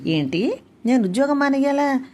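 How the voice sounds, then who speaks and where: A woman's voice: high-pitched, expressive, moderate pace, a little hiss or hum, voice pushed up. Woman reading as an angry young working mother. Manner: sharp, indignant retorts.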